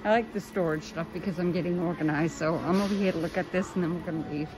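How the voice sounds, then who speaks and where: A woman with a fairly low voice talks fast as she walks a large store filming on her phone. It's a casual shopping vlog where she points out prices, recorded with noisy store sounds in the background.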